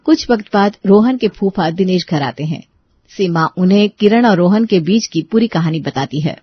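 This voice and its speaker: A woman narrating a family story in a steady scripted reading. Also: mid-range voice, normal speed, dull audio, slight background noise.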